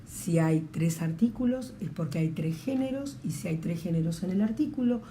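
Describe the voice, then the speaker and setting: A woman with an Argentine Spanish accent teaching an online language lesson, slow and patient, repeating words and checking in with her students. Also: lowish voice, lively intonation, mellow, a little hiss or hum.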